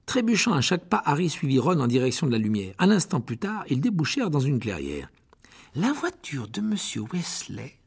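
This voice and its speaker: A man's voice: medium pitch, breathy edge. A man narrating a fantasy audiobook dramatically, often dropping to a whisper. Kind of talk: expressive audiobook reading.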